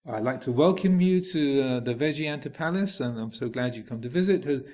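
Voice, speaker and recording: Brief: calm, hospitable king of the gods, soft-spoken, as a monk narrator puts him on. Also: medium pitch, a little fast, natural voice. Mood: gracious. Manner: gentle, gracious, hospitable. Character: serene, gracious god-king welcoming a demon.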